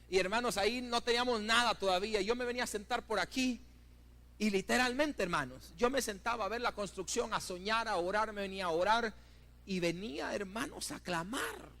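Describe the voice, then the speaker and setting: A high-voiced middle-aged pastor preaches in a church with fervent storytelling. He surges to loud, emphatic peaks and drops to hushed asides, constantly turning to the congregation as brothers. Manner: keeps addressing the congregation as brothers. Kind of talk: sermon. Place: church building.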